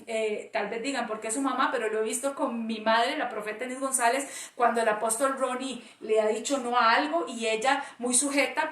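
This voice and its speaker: High-voiced reflective woman, distant and roomy. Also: fairly bright tone. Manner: reflective, hesitant fillers. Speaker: co-host. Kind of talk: sermon-like church talk. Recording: roomy audio from a distant mic.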